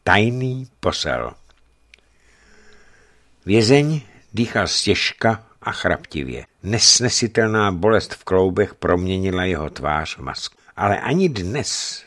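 A man narrating a novel as an audiobook, telling it in a dramatic, expressive way. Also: on the low side, creaky.

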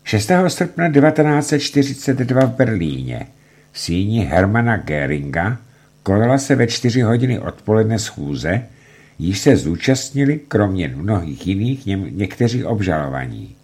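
Deep-voiced man, husky tone, lively declamatory documentary narration. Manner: dramatic, declamatory reading with strong pitch swings.

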